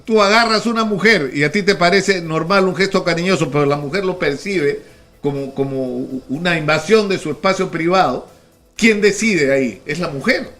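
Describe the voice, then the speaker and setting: Higher-voiced man hosting radio. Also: normal speed, a bit bright. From Peru. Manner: conversational, with many restarts and repeated words. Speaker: radio host, interviewer. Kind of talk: radio interview questioning. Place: radio studio.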